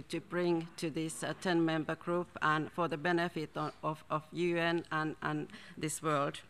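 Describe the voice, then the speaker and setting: A woman's voice: fairly low pitch, a bit bright, smooth. A woman from Finland, giving a formal self-introduction as a new panel member, with many hesitations and restarts.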